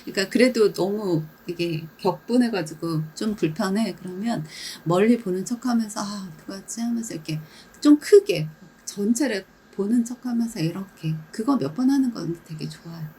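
Woman, casual coach, mellow tone, lively mini-demonstrations; faint hiss on the track. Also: medium pitch, moderate pace, hardly any pauses, rough recording. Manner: chatty, demonstrative, acts out little scenes, laughs often. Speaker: brain habits coach. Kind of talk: casual instructional talk.

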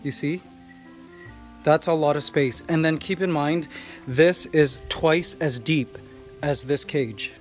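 Middle-aged canadian guy vlogging outside, kinda high voice, chatty, music faint behind. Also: fairly even intonation, slow, long pauses. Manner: chatty, explaining to viewers while handling pets. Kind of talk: casual vlog walkthrough. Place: outdoor animal enclosure.

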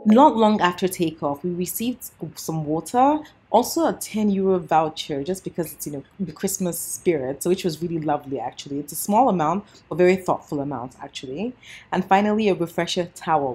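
Her voice is on the low side, a little mellow and a little fast, with lively intonation over faint background music. She's a woman in her thirties vlogging her travels from an indoor airport lounge, camera held close, chatting upbeat with plenty of "you know" for a casual review and voice-over.

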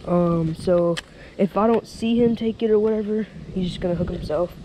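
A young man speaks at normal speed in a high voice, casually narrating his fishing vlog from a small pond. He's relaxed and talkative, frequently saying "bro" and "dude." The sound comes from an outdoor, head-mounted action camera mic that picks up wind and ambient noise.

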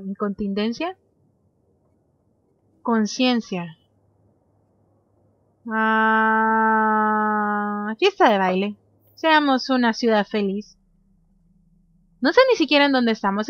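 High-voiced excitable woman gaming. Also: no room sound, dull audio. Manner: chatty, reads game options aloud, bursts into excited shrieks. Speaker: gameplay commentator. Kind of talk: casual let's-play commentary.

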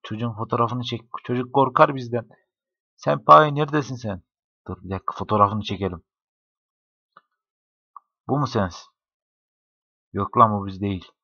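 A man's voice: mid-range voice, fairly even intonation, normal speed, pauses often, bright, forceful tone, breathy edge, dry recording. A young man giving casual, joking gameplay commentary, talking to the characters and laughing often. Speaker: gaming YouTuber. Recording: dry, dull lo-fi home mic.

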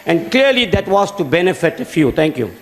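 A man's voice: sits high, big pitch swings, a little fast, fairly bright tone, slight background noise. A man, a member of parliament, reading a formal question from paper in the chamber. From South Africa. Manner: reads a prepared question from paper.

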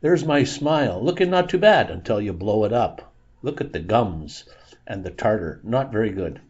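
A man's voice: lowish voice, very animated, normal speed, a little mellow, slightly rough, highs cut off. A man in his sixties narrating a casual vlog in a dental clinic, chatty and plain-spoken, laughing at himself. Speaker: vlogger.

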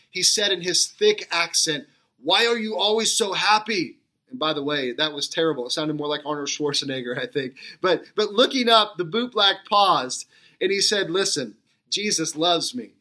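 A man's voice: a little high, bright, forceful tone. A male pastor preaching a sermon, telling stories and stressing key words, then leading a prayer. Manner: leads a spoken prayer.

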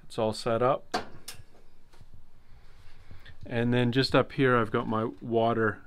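A man's voice: mid-range voice, slow, clear, resonant tone. Casual man explaining his trailer build. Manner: relaxed, explanatory, with fillers. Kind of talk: casual walkthrough tour. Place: inside a converted cargo trailer.

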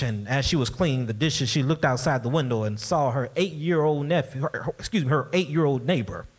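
A male pastor preaching an impassioned sermon in a church, often repeating words as he builds. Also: on the high side. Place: church sanctuary.

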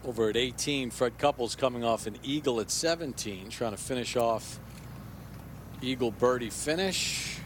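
A male golf commentator with a medium-pitched voice announces shots live. The outdoor broadcast carries clear background noise. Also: normal speed.

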